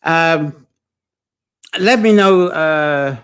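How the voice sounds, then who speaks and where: A man's voice: fairly high pitch, extremely slow, a bit bright, smooth. A man hosting a live online folklore session, talking in a chatty, digressive way and stopping to greet viewers and read their comments. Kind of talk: informal live-streamed folklore talk.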